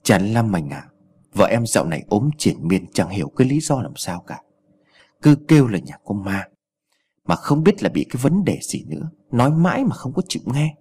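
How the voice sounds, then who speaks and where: A man voicing a troubled village neighbor who complains wearily about his household, in a husky voice. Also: fairly low pitch, big pitch swings, moderate pace, a little mellow. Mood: weary. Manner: weary, complaining.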